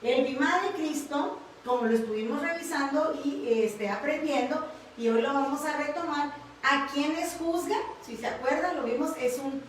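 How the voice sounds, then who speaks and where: Mexican woman, Bible class teacher, slightly high voice, tag questions throughout; distant mic in a very echoey room with faint noise. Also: moderate pace. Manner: frequent tag questions and fillers.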